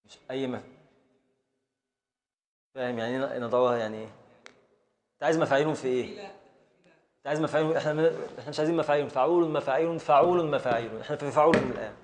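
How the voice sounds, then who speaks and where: A man's voice: medium pitch, racing, pauses often, darkish tone. A man with an Egyptian accent teaching a classroom lesson, patiently drilling students by repeating and counting along. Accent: Egyptian Arabic. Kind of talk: classroom lesson on Arabic prosody.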